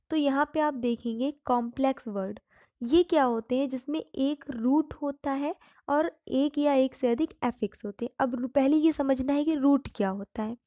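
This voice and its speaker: A woman's voice: high voice, dark tone, no room sound, studio quality. A woman teaching English grammar in Hindi, patiently explaining each term and repeating examples.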